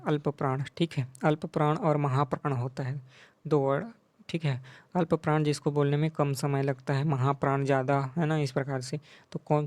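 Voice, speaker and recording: A steady, flat-voiced male tutor. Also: a little high, dry recording. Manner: repeats "ठीक है" and "है ना" often. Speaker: teacher. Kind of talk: explaining quiz answers.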